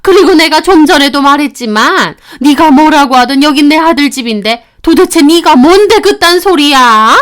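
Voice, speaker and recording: A woman's voice: fairly high pitch, animated, slow, few pauses. A woman voicing a domineering middle-aged mother-in-law who talks in a scornful, bossy way.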